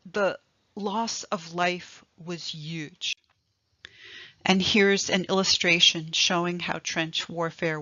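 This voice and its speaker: Slow, deliberate woman lecturer. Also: medium pitch, fairly bright tone, no echo. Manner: slow, deliberate, emphatic explaining. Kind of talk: recorded history lecture. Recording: dry, slightly dull lo-fi recording.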